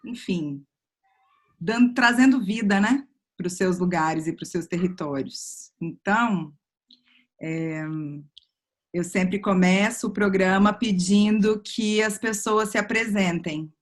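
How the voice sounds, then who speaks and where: A woman opens an interview at a very slow, deliberate pace. She leaves pauses between her phrases and fills them with small, soft fillers. Her pitch sits in the middle of the range. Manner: unhurried, with frequent pauses and fillers. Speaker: host. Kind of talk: slow, thoughtful interview introduction.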